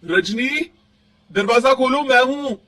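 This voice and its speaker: A man voicing a caring young husband who gently coaxes and soothes his wife. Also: very high-pitched, slow pace, recorded from a distance, heavily acted. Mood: concerned. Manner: soothing, coaxing questions.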